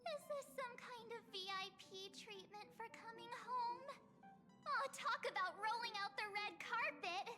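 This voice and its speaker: An actress voicing a cheerful, excitable young woman in a video game. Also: unhurried. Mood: excited. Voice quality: high, excitable. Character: cheerful young woman, bubbly space traveler. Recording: game audio with reverb over music.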